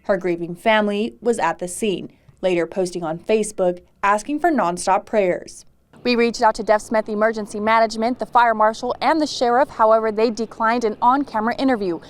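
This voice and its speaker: A young woman reporter narrates a local news story with a measured, clear delivery. Her voice sits at an everyday middle pitch. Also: steady tone. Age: young adult.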